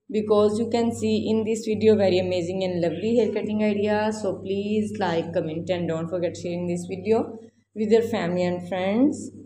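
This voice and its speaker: A woman's voice: medium pitch, darkish tone. A woman doing an effusive, repetitive voice-over as a YouTube host. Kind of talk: casual scripted-style video voice-over with repeated phrases. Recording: roomy echo, faint background noise.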